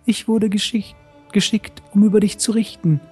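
A man voicing a cold, vengeful woman sorceress who speaks softly and with contempt. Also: sits high, steady tone, breathy edge, soft background music, voice pushed up. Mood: judging. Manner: soft, contemptuous, deliberate.

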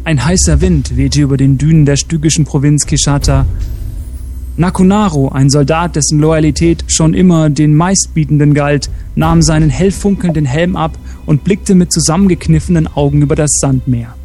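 A man reading a story aloud as co-host, steady with small slips and self-corrections. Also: fairly high pitch.

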